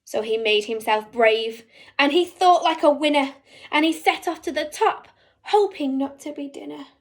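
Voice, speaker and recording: A woman teacher reading a rhyming picture book aloud, with an animated, rhythmic delivery. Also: sits high, moderate pace.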